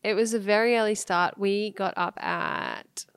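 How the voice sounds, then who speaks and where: Slow-talking australian woman, laughing. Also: mid-range voice, steady tone, clear, resonant tone, no room sound, clean studio sound. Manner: laughs often, drawn-out storytelling. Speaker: podcast co-host. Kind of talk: casual chat.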